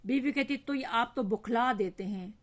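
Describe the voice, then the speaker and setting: A woman with a Pakistani Urdu accent teaches a school text. She reads its dialogue with lively, raised voices. In between she gives calm, step-by-step explanations. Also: fairly high pitch, normal speed. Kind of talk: reading aloud a Urdu lesson and explaining it line by line.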